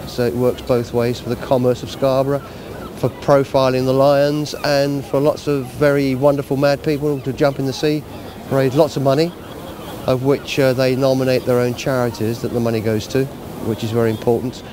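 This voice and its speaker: A man who organises a charity event, explaining it informally and in a measured way in an outdoor interview. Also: medium pitch, level tone, a little mellow. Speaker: Lions club event organiser. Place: outdoors at a seafront. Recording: outdoor street and traffic noise.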